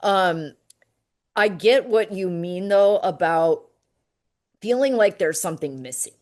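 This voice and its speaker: Lowish-voiced woman hosting a podcast. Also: lively intonation, a little mellow. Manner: halting, many "um" and "uh" restarts. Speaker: podcast host. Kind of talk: casual interview hosting.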